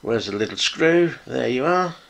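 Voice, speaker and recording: A man's voice: medium pitch, expressive, normal speed, vocal fry, a bit bright. Chatty middle-aged British man. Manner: chatty, appreciative, informal. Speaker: hobby video host, model car builder. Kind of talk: casual hands-on build vlog narration.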